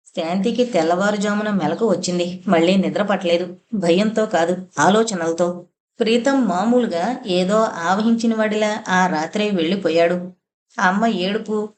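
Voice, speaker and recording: Woman audiobook narrator, mid pitch, dramatic measured storytelling for a thriller. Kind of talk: dramatic narration of a suspense novel.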